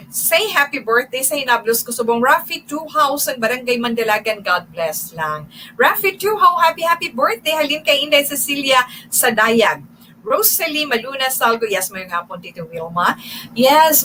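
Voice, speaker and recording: A woman with a Hiligaynon accent hosting a radio show, reading out listener greetings in a chatty way with fillers and pauses. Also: a little high, sharp tone, slight background noise, low-quality recording. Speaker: radio host. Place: radio studio.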